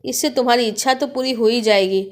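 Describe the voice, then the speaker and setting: A woman voicing a tall veiled witch from a cremation ground, loud and mocking in a storybook tale. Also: on the high side, fairly quick, natural voice. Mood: taunting. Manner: loud, cackling, taunting.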